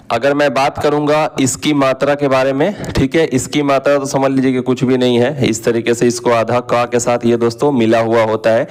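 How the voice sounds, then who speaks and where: A patient man walks viewers through vowel signs as he writes, talking at an everyday pitch. He keeps checking in with them, and he slows down and stretches the sounds he wants them to catch. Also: darkish tone. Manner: patient, repeats "ठीक है" and "दोस्तों" often. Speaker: Hindi teacher. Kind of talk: explaining while writing on a board.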